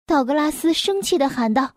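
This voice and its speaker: Woman storyteller, children's picture book, high voice, gentle and expressive, dry close sound. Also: no room sound. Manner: gentle, clear, slow and expressive.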